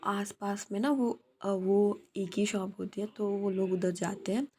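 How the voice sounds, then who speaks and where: A woman's voice: medium pitch, fairly even intonation, a little slow, mellow, a little hiss or hum. A woman hosting her channel, telling a love story in a casual, hesitant way with many filler sounds.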